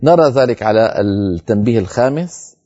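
A man teaching Quran recitation on a televised lesson, explaining rules and then chanting verses slowly and drawn out. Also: medium pitch, animated, mellow, dull audio.

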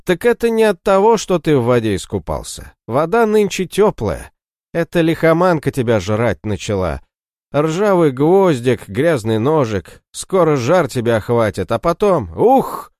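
A man's voice: medium pitch, sing-song, moderate pace, a little mellow, no echo, studio quality, voice pushed up, close to an everyday voice. A man voicing a sly, mocking male captive healer who taunts his captors in an audiobook story. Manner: taunting, scornful.

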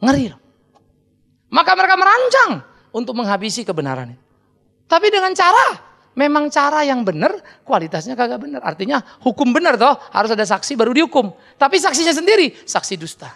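Pastor guy giving a jokey chatty sermon, high pitched and kinda gravelly. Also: wildly swooping pitch, brisk, fairly bright tone. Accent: Indonesian. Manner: humorous, conversational preaching with acted-out quotes.

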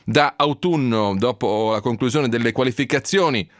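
A man's voice: mid-range voice, moderate pace, no room sound. Dry-sounding male sports radio host. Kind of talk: radio presenting.

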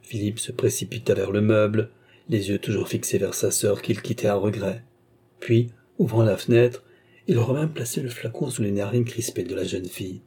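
A male audiobook narrator reading a classic novel. His voice is mellow with a husky grain, and his delivery is measured and dramatic. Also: fairly low pitch. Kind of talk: scripted narration.

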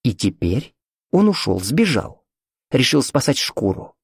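A man's voice: medium pitch, big pitch swings, measured pace, vocal fry, slightly rough, dry recording, studio quality, pitched above the performer's own voice, full character voice. A man voicing a cold, scornful middle-aged mother who talks down to her daughter in a cutting, commanding way, in an audiobook. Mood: mocking.

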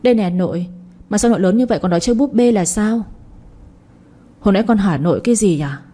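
A woman voicing an innocent little schoolgirl who pleads quickly and loves her mother fiercely. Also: mid-range voice, mellow, close to an everyday voice.

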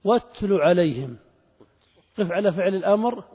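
A man's voice: high-pitched, animated, moderate pace, mellow, slightly rough. A man teaching Arabic grammar to a class, asking students questions and repeating their answers. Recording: muffled recording in a reverberant hall.

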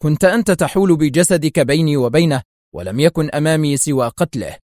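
A man reading the lines of a cool, stern male secret agent in an audiobook, calm and measured. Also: on the high side, dry recording, clean studio sound, lightly acted.

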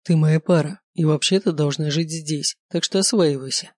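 A reader voicing a possessive young male werewolf alpha in an audiobook, speaking calmly and insistently. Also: mid-range voice, normal speed, dry recording, studio quality, lightly acted. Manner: calm, insistent. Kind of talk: audiobook character voice.

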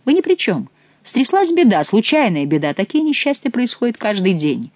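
A man reading an audiobook and voicing an imperious, hot-tempered young prince who accuses and shouts in a raised, loud voice. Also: high voice, huge pitch swings, no room sound, pitched above the performer's own voice. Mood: cool, probing. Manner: haughty, accusing, quick to shout.

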